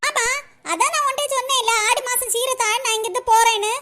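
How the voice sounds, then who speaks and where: Woman voicing a squeaky stubborn kanyakumari tamil daughter, keeps insisting, bright tone. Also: fast. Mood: defiant. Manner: defiant, insistent. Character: stubborn demanding young married daughter.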